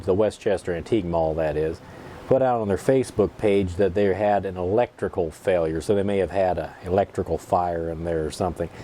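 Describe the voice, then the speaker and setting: Deep male voice, pipe in mouth, folksy rambling storytelling, unhurried, steady background hum. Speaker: pipe-smoking vlogger. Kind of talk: casual storytelling chat.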